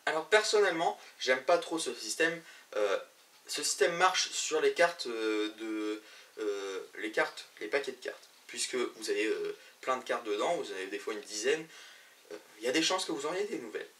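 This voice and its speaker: A man's voice: medium pitch, lively intonation, moderate pace, fairly bright tone, far from the mic. A man hosting a web show about games, presenting news to camera in a chatty way, with many fillers and restarts.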